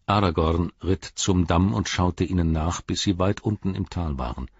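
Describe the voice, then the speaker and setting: A man narrates a story in a calm, even way. His voice is very low and husky. The recording is dry and dull. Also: moderate pace, dry recording. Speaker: audiobook narrator. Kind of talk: scripted narration.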